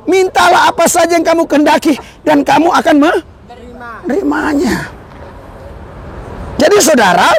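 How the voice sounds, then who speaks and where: High-voiced fervent male preacher. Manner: fervent, rising to shouts, calls for hallelujah. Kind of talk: sermon.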